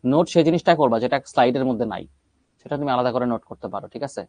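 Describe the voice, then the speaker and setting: A man's voice: mid-range voice, very fast, darkish tone, no echo. A man teaching an English grammar class online, explaining step by step and asking and answering his own questions.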